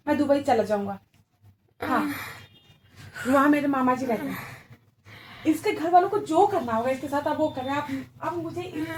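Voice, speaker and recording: A woman's voice: high voice, a little mellow, a little hiss or hum. A woman voicing a desperate, guilty young man who talks anxiously and mutters to himself, in an amateur drama. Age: young adult.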